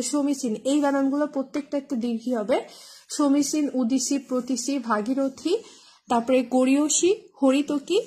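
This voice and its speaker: Husky, high-voiced woman tutor. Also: dark tone. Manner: spells words out letter by letter with many fillers; explains with memory tricks, asks "right?". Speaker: tutor for exam spelling. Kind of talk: online spelling lesson.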